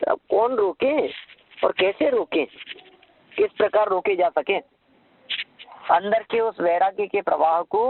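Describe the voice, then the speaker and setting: A man giving a devotional discourse, slowly chanting verses and then explaining them in a conversational way, asking listeners rhetorical questions. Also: high-pitched, vocal fry, no echo, narrow, tinny audio. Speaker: religious lecturer.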